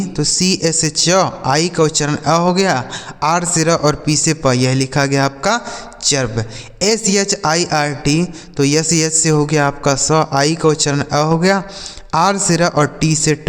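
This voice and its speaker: A man teaching English pronunciation in a spoken lesson, spelling words letter by letter and answering his own questions. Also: fairly high pitch. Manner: asks the audience questions and answers them himself; keeps addressing viewers as friends. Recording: long reverb.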